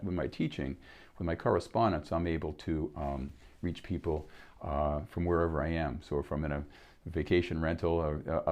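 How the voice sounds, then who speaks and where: A man's voice: sits low, darkish tone. A man in his sixties with a Boston accent, hosting a solo piano live stream and chatting casually between tunes, rambling with many fillers and restarts.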